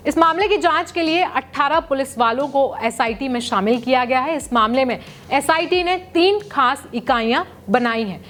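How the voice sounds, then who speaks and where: A woman with a high voice reads a news segment from a script. Her delivery is measured and formal, in the even manner of a news presenter.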